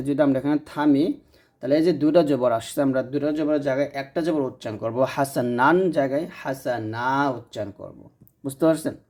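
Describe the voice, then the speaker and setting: Mellow-voiced man teaching a reading lesson. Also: mid-range voice. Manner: patient, repeats rules, checks understanding. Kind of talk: explanatory lesson.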